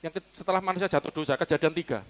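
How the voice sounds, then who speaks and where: A man's voice: a little high, racing, fairly bright tone. A man preaching a sermon to his congregation, teaching casually, quizzing listeners and laughing now and then. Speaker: pastor. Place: church hall.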